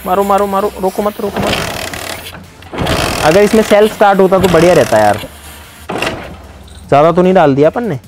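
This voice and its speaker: A man's voice: sits high, fairly quick, long pauses, background noise. A man talking casually to viewers while he demonstrates a bike trick, calling out repeated urgent commands to a helper. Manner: chatty, addresses viewers as brother and guys, repeats urgent commands. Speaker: vlogger. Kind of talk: casual hands-on demo vlog.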